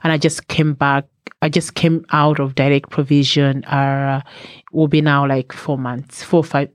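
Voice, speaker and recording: A woman's voice: low voice, level tone, unhurried, dry recording. Hesitant woman, dry sound. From Malawi. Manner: hesitant, many fillers and self-corrections. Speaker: interview guest. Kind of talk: conversational interview.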